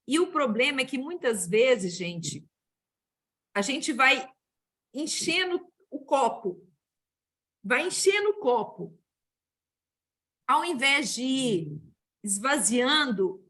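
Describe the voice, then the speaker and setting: A woman with a Brazilian Portuguese accent leading an online support group, explaining gently and calling on participants over a video call. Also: fairly high pitch. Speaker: group facilitator.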